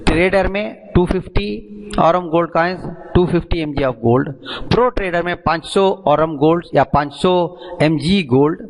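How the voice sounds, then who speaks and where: A man's voice: fairly high pitch, normal speed, rough recording. A man giving a sales presentation, explaining step by step and slipping English phrases into his Hindi.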